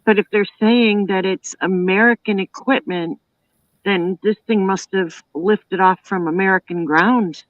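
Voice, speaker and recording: A woman's voice: medium pitch, a little slow, dry recording. A woman hosts a live online show in a loose, chatty way, piling on "you know" and "like" as she goes. The sound is dull and lo-fi. It is also dry, with no room around her. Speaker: host.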